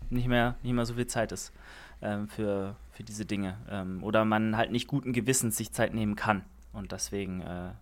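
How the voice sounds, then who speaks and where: A young man co-hosting a casual podcast, talking in a rambling way with many fillers and restarts. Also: mid-range voice. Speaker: podcast co-host.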